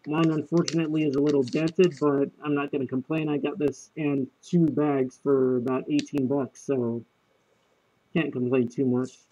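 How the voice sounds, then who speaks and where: A man speaks from behind a gas mask, so his voice comes through dull and muffled. His tone is somewhat higher than usual for a man, with a mellow, soft edge, and he talks in a plain, matter-of-fact way. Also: flat delivery, normal speed, a little hiss or hum. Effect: muffled, talking from inside a gas mask. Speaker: gear collector reviewing a gas mask. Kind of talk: casual product review video.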